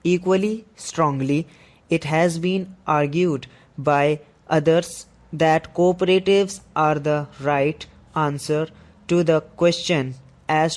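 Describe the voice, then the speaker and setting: A man reading a scripted dictation for shorthand practice, in a deliberate, measured way with pauses between phrases. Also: a little high.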